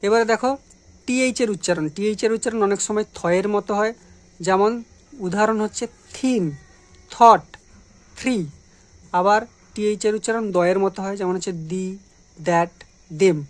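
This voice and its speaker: A woman's voice: medium pitch, steady tone, quick pace. A woman teacher explaining English letters and sounds, patiently asking questions and answering them herself. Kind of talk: grammar lesson.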